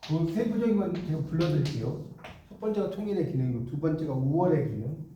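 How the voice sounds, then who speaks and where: A man's voice: fairly high pitch, animated, quick pace, dark tone, recorded from a distance, lo-fi sound, a little hiss or hum. Man dictating a lecture in an echoey classroom. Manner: dictates notes, repeats key phrases, checks understanding with questions. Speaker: teacher. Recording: echoey room, voice from off-mic.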